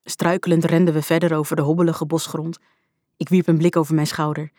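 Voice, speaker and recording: A woman reading a storybook aloud in the first person, with a lively, vivid telling. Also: low voice, a little fast, no echo, studio quality. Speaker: audiobook narrator. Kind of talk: scripted storybook narration.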